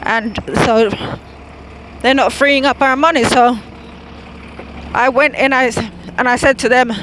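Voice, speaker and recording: A woman vlogs into her phone while walking outdoors, slightly breathless. Her talk is slow and unhurried, full of fillers and restarts. Faint traffic hum sits behind her. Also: high voice, steady tone. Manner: rambling, with many fillers and restarts. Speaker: vlogger. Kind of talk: casual chat while walking.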